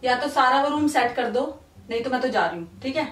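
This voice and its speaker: A woman's voice: high-pitched, lively intonation, fairly quick, very noisy. A woman scolding her husband in a heated argument, repeating the same short question, recorded in a bedroom at home. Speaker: prank video creator. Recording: echoey room, far from mic, music behind.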